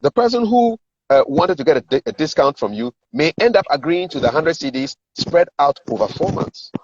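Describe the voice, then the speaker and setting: This middle-aged communications and sales coach has a Ghanaian accent and a fairly high, very animated voice at normal speed. Talking conversationally in an interview, he explains, role-plays sample lines and repeats words for emphasis; the audio is lo-fi, dull and echoey.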